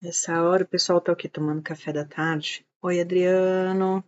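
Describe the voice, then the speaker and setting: A woman's voice: fairly low pitch, steady tone, normal speed. A woman hosting a casual live stream as a diabetes educator, chatty and greeting viewers by name as they arrive. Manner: chatty, warm greetings, thinking aloud with restarts. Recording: dull lo-fi live stream audio.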